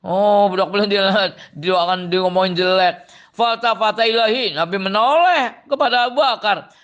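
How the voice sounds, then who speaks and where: A man with a Cirebon Javanese-tinged accent, reading a classical religious text aloud and explaining it to students in an animated way, exclaiming and chuckling often. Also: high-pitched, moderate pace, lo-fi sound. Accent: Cirebon Javanese-tinged Indonesian. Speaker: Islamic boarding school teacher.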